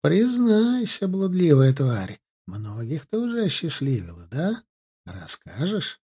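A male audiobook reader voicing a cruel man who savors a young woman's death, drawing out his words slowly and softly. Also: on the high side, wildly swooping pitch, breathy edge, exaggerated voice. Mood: gloating, ecstatic. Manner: slow, savoring, sinister. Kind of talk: audiobook character reading.

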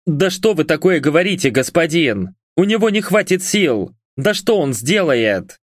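A man's voice: fairly high pitch, sing-song, a little slow, no echo, studio quality, voice pushed up. A man voicing a frightened male servant who pleads and mumbles in an audiobook. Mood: pleading.

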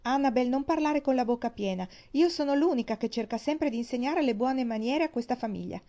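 A woman's voice: high voice, a little fast, highs cut off, voice pushed up. A woman reading as a bossy, indignant young girl. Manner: sharp, scolding.

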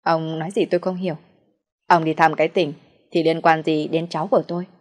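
A woman reading the part of a soft-hearted, worried elderly mother in an audio story, pleading gently. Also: low voice, level tone, a little fast, lightly acted. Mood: distressed.

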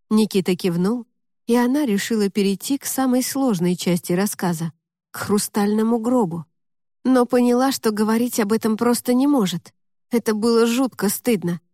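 A woman narrating a fantasy audiobook in a steady, even storytelling manner. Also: on the high side, no room sound, clean studio sound.

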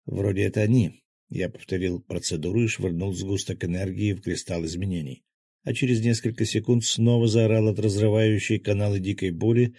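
A man's voice: low voice, mellow, husky, dry recording. A man narrating a fantasy audiobook in the first person, with a terse, dry inner monologue.

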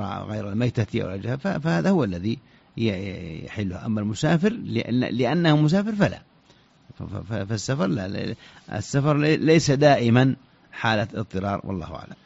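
An Islamic scholar answers listener questions on the radio, speaking haltingly with many restarts and repeated syllables. His voice is fairly low, darkish and husky with vocal fry, and the radio recording is dull and lo-fi.

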